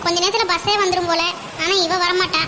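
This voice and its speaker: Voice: steady tone, fast talker, sharp tone. A voice doing a bossy cartoon college girl. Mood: scolding. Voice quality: very high, thin cartoon voice. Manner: scolding, bossy. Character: sharp-tongued young college girl. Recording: audible background noise.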